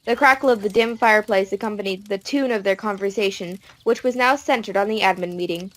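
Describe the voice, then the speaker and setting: A woman narrating an audiobook in a steady storytelling manner. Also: medium pitch, fairly quick, poor audio.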